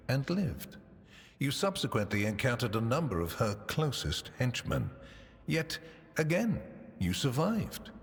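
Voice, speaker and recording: An actor playing a cold, pious, accusing Lord Inquisitor in a video game, speaking with soft, insinuating menace. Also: male voice, lowish voice, heavily acted. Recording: long reverb, music behind.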